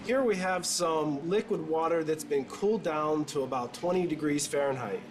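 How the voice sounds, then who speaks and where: Higher-pitched man explaining science. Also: moderate pace. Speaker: scientist expert. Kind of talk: explanatory nature documentary interview and demonstration. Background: music under the voice.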